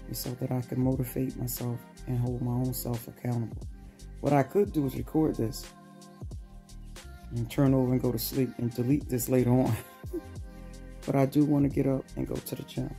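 A woman's voice: very deep voice, gravelly, warm tone. Chatty woman vlogging on her phone. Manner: chatty, self-motivating, talks to the camera while doing chores. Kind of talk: casual self-filmed vlog. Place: home, bedroom then kitchen. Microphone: phone held at arm's length.

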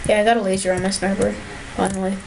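A woman giving gameplay commentary, excitable and full of trash talk. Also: medium pitch, quick pace, vocal fry, a little hiss or hum, poor audio. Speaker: gamer.

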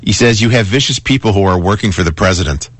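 Low-voiced man hosting talk radio. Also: fast, fairly bright tone. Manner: conversational, repeats and restarts phrases for emphasis. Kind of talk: casual talk radio monologue and caller chat. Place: radio studio. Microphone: close studio broadcast microphone.

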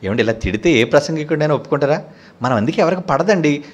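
A man preaching with fire and rebuke, his voice pitched high for a man and swinging widely up and down. He fires question after question at his congregation and scolds them sharply. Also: lively intonation, fast. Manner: fiery and scolding, with frequent rhetorical questions to the congregation. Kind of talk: sermon.

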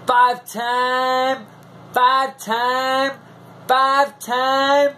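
A wrestling fan video host in his forties, filmed in a small room at home, performs a theatrical promo to camera as a bombastic showman. His voice is very high, pushed and bright, yet completely flat in delivery, with drawn-out words and sudden whoops.

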